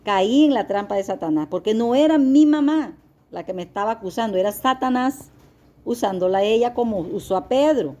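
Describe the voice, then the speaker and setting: A woman's voice: on the high side, lively intonation, fairly quick, dark tone. A middle-aged woman giving an earnest, confessional sermon-style testimony as a lay preacher, speaking to her listeners as beloved.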